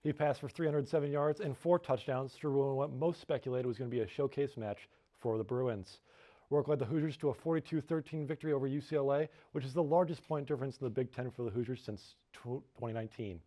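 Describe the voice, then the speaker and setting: A man's voice: medium pitch, fast, warm tone. A young man presenting a scripted sports segment as a reporter in a TV studio.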